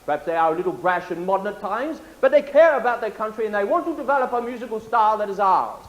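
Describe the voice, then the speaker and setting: On stage, a man with a high, animated voice narrates a theatrical prologue at a quick pace, formal and lecturing in manner, dropping hesitant fillers between sentences. The live stage recording sounds roomy.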